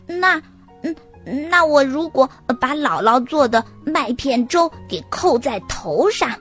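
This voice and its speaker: A woman's voice: high-pitched, lively intonation, slow, fairly bright tone, faint music behind, heavily acted. A woman voicing a little girl bear cub who keeps asking questions, hesitant and full of small fillers, in a children's storybook. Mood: eager, pleading.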